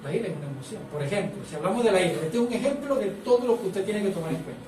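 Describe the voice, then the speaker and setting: A man's voice: sits high, lively intonation, rapid-fire, reverberant, distant mic, noisy background. A man preaching a sermon as pastor, prompting the congregation to repeat phrases back to him.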